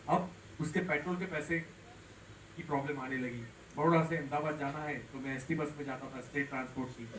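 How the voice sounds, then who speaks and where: Male motivational speaker, high pitch, heard from far off in a hall, moves between loud and hushed delivery. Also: a little hiss or hum. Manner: storytelling, swings from loud to hushed. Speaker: network marketing speaker. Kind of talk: motivational seminar talk.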